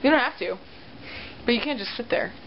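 Young woman vlogger, teasing and giggly, lively pitch, dull lo-fi camera sound. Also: a little fast, creaky, crowd noise. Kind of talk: casual chat. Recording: dull lo-fi camera audio with hiss.

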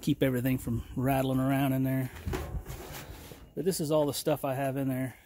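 A middle-aged man gives a plain, unhurried product review outdoors in his yard, talking to a handheld camera. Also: mid-range voice, little pitch movement, background noise. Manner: plain, unhurried, folksy talk with fillers. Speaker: channel host reviewing a trailer tool box. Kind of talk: casual product review vlog. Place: outdoors in a yard beside a trailer.

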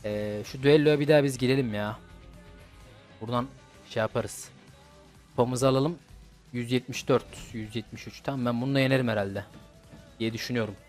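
A man's voice: mid-range voice, fairly quick, long pauses, a little mellow. A young man giving casual, slangy gameplay commentary and swearing at his opponents. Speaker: gaming YouTuber. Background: game music.

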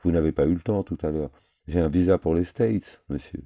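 A man's voice: deep voice, brisk, mellow, no room sound, studio quality, voice pushed up. A man voicing a young male driver who begs in a breaking voice, near tears. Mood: desperate pleading. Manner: begging, voice breaking upward.

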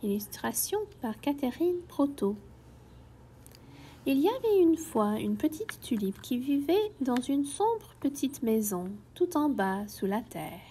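A woman reads a children's storybook aloud, slowly and gently, her high voice rising and falling a great deal. Her tone is mellow and soft-edged. A faint hiss sits behind her. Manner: gentle and expressive.

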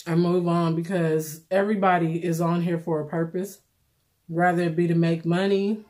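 A middle-aged woman talks casually to the camera as she eats, with a slightly low voice. She is plainspoken and informal, pausing between bites, and music plays behind her. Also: a little mellow. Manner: talks while eating, with pauses for bites; plainspoken, informal, repeats phrases for emphasis. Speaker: vlogger. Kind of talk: casual mukbang commentary chat.

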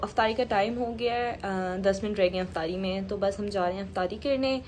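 A woman's voice: mid-range voice, brisk, loud music behind the voice. A young woman in her twenties vlogging casually into a handheld phone, talking straight to her viewers. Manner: chatty, addresses viewers directly. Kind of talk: casual vlog narration. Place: car and busy city streets and shops, outdoors and indoors. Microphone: handheld phone at arm's length. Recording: street crowd and traffic noise behind.

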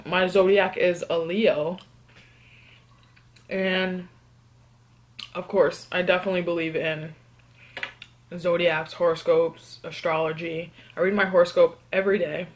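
Young woman chatting while eating. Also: on the low side. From New York. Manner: relaxed, chatty, eats between answers with frequent hums. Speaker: mukbang vlogger. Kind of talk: casual eating vlog, answering tag questions.

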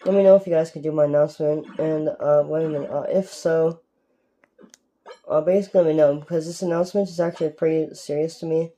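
A young Canadian gaming YouTuber gives rambling, casual gameplay commentary, repeatedly asking "alright?", his throat sore and strained. His voice is fairly high and steady, and he talks fast. He records on a phone pointed at a TV in a dark room at home.

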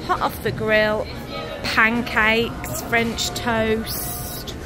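A woman's voice: on the high side, completely flat delivery, extremely slow, music in the background, crowd noise. A woman filming a casual family vlog, chatting upbeat about breakfast with her kids in a large diner. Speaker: family vlogger and mother.

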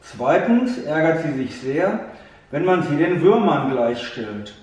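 A man gently telling a fairy tale to a child, speaking to the listener directly, heard from a distant mic in an echoey room. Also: a little high, very animated, slow pace. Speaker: storyteller.

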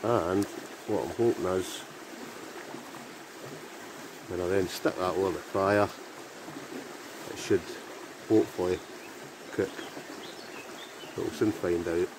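Scottish man, deep voice, chatty, cooking outdoors, river noise behind. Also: fairly even intonation, slow, pauses often. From Scotland. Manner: chatty, thinking aloud while cooking. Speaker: outdoor vlogger. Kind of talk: casual chat to camera. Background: flowing river.

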